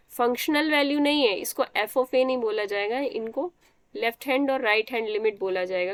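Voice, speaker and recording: A woman's voice: on the high side, dry recording. A young woman teaching a math class, explaining step by step and quizzing students as she goes. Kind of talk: live online math class.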